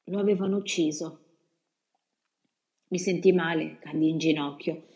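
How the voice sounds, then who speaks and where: Low-voiced woman narrating a novel. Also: fairly even intonation, warm tone. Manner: measured, dramatic reading. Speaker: audiobook reader. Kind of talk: first-person novel narration. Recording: roomy echo.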